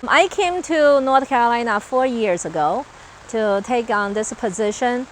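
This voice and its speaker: In a low-quality recording with a little hiss or hum, a woman from Taiwan talks in a fairly high voice at a slightly slow pace. She's an agricultural researcher speaking outdoors on a farm, earnestly listing details of her work with some hesitation, in interview style.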